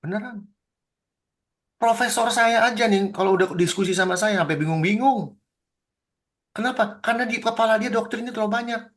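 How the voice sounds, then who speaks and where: Pastor guy, high voice, emphatic and indignant, acting out dialogue on a video call. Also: fairly quick, pauses often, fairly bright tone. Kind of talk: animated teaching discussion.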